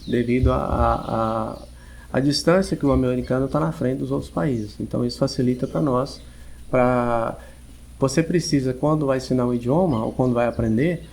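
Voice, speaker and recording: A man with a Brazilian Portuguese accent, an English teacher giving long, measured explanations as a podcast guest, often restarting his sentences. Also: mid-range voice, a little mellow, a little hiss or hum. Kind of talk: podcast interview.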